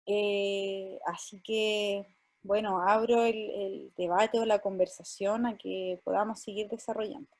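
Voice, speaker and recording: A woman's voice: mid-range voice, flat delivery, unhurried, a little mellow. A woman from Chile moderating an online panel, speaking hesitantly with fillers and restarts.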